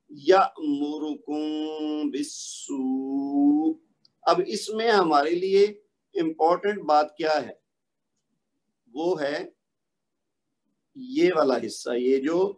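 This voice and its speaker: A man teaches a recorded online recitation lesson in a fairly high voice. He explains each rule patiently, step by step, and draws out the example words slowly so learners can repeat them.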